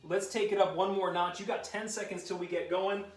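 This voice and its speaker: Male fitness instructor, high voice, upbeat and encouraging, calls countdowns, recorded from a distance. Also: steady tone, brisk, a little hiss or hum. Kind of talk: live workout coaching with countdown cues. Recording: roomy sound, mic at a distance.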